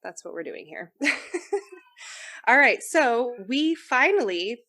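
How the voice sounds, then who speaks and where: A woman's voice: fairly high pitch, big pitch swings, slow pace, sharp tone. Giggly rambling young woman chatting. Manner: rambling, giggly, lots of fillers. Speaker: podcast co-host. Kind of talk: casual chat.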